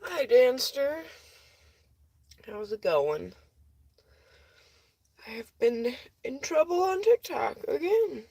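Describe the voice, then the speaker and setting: A woman's voice: sits high, big pitch swings, slow, creaky, pauses often, mellow, husky, no echo. Tired woman rambling on a livestream. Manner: tired, rambling, chatty with laughs and swearing. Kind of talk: casual livestream chat with viewers.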